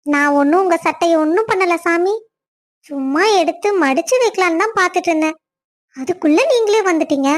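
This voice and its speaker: A woman's voice: very high voice, a little fast. A woman voicing a young cartoon wife, emotional and weepy, who pleads with her husband. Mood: protesting. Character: young wife Vennila, tearful and loving. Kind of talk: cartoon family drama voice acting.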